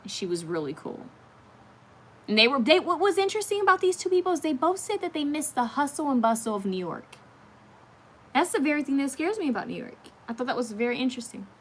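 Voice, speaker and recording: A woman in her thirties chats casually on a livestream, reading viewer comments aloud, drawing oracle card messages, and frequently restarting sentences. Her voice is high, sing-song, fast and a bit bright.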